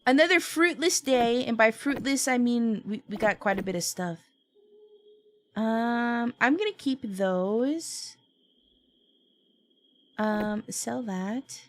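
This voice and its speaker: A woman's voice: a little high, animated, slow pace, long pauses, a little hiss or hum. A woman chatting casually on a gaming livestream as host, with a cute, bubbly anime-streamer delivery. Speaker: livestream host playing a video game.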